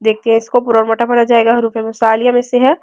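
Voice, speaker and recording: A woman teaching Quran recitation step by step, drawing out each letter sound in slow, patient demonstrations. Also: fairly high pitch, completely flat delivery, a little mellow, no echo, faint music behind. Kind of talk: step-by-step tajweed lesson. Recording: dry, slightly dull lo-fi sound.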